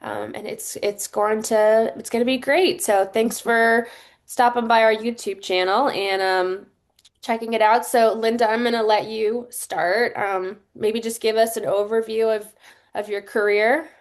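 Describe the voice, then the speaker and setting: A woman's voice: fairly high pitch, fairly even intonation, a little slow. Friendly woman interview host. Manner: friendly, loose, with fillers and rephrasing. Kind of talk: casual interview hosting.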